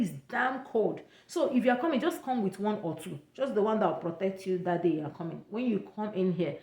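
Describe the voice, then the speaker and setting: A young Nigerian woman with an Igbo accent gives travel advice in a casual vlog, chatty and repetitive with touches of pidgin. Her voice is mid-range, and the sound is roomy.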